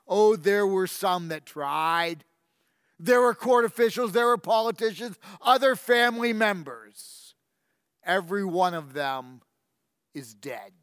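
An actor playing a boastful, ruthless ancient king in a first-person dramatic monologue, pompous and menacing, with slow drawn-out emphasis. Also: high-pitched, fairly bright tone, smooth, no echo, studio quality, long reverb tail.

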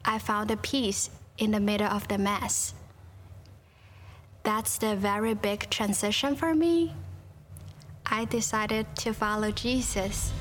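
A young woman from Taiwan speaks in a slow, sincere testimony. Her Taiwanese-accented English is simple and unhurried, and her pitch sits in a middle register. Faint music plays behind her words. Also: fairly bright tone. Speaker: student giving testimony. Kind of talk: personal testimony video.

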